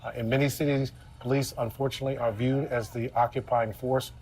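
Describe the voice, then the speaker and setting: A male American correspondent with an average-pitched voice gives live news analysis. His delivery is grave and deliberate, leaning on key words for emphasis. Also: little pitch movement, darkish tone.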